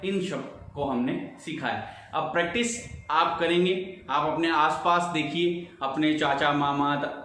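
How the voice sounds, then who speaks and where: A man teaches spelling slowly, spelling each word one letter at a time and pausing to check that his students follow. His voice sits a little high. He is recorded from a distance in a very echoey room with a faint hum behind. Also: fairly bright tone. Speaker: English teacher. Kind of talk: spelling lesson.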